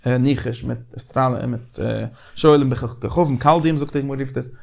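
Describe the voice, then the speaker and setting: A man leading a casual Talmudic study discussion, animated and repeating phrases as he thinks aloud. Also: medium pitch, fairly quick, vocal fry.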